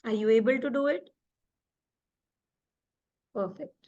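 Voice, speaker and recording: Lady life coach doing a guided visualization, talks super slow, slightly high voice, switches hindi and english. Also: muffled recording. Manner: calm, drawn-out instructions, mixing Hindi and English.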